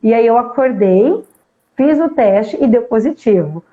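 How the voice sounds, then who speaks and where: A Brazilian woman, an interview guest, telling a personal story in a casual, lively way and acting out bits of dialogue. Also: a little high, measured pace, narrow, tinny audio.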